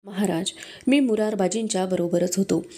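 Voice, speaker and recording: A woman's voice: mid-range voice, moderate pace, mellow, slightly rough. A woman reading aloud, voicing a loyal male soldier who gives an earnest report of a battle.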